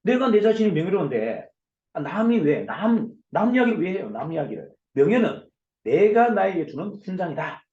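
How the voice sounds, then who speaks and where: A man, a company CEO, giving a forceful motivational lecture over a video call, loud and emphatic, firing off rhetorical questions. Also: high voice, big pitch swings, moderate pace, echoey room, lo-fi sound. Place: online video session.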